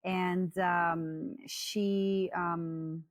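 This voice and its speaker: A woman's voice: on the low side, flat delivery, very slow. A woman in her thirties with an Italian accent, a guest on a podcast who talks hesitantly with many fillers and restarts and laughs often. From Italy. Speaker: guest, coach. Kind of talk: casual podcast interview. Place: yurt at home.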